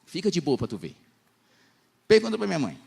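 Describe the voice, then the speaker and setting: A young man preaching at a church congress, telling lively stories in slangy talk and acting out the voices he quotes. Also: fairly high pitch, a little fast, vocal fry, husky. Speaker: pastor. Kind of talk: lively storytelling sermon.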